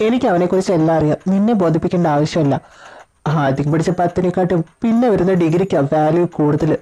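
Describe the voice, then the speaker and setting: A woman voicing a possessive, teasing young male lover in an audio story drama, speaking low and smug. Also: fast, mellow, soft background music, natural voice, rough recording. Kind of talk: audio story drama with one reader voicing all roles.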